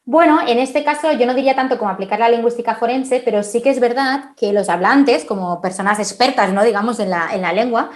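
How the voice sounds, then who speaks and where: At a conference, a Spanish woman forensic linguist answers questions in an explanatory way, her voice fairly high. She often tags sentences with "¿no?" and fills pauses with "eh."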